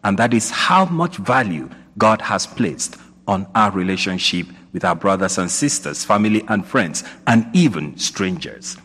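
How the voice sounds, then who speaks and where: Inside a big church whose long reverb makes his voice ring, a priest preaches with great animation at a measured pace. His voice is lowish, fairly bright and slightly rough, and he poses rising questions and repeats points to drive them home.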